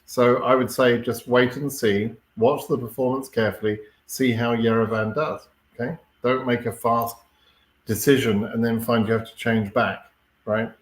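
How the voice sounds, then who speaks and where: A man hosting a live question-and-answer stream, explaining things in a relaxed way and often checking in with "right?" and fillers. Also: mid-range voice, normal speed, roomy sound. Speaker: host answering viewer questions. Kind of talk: live Q&A chat.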